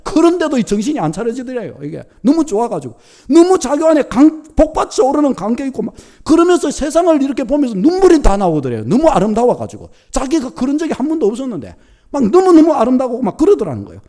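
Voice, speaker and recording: Animated pastor preaching. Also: male voice, very high-pitched, fast talker. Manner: animated storytelling, acting out quoted thoughts. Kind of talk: sermon.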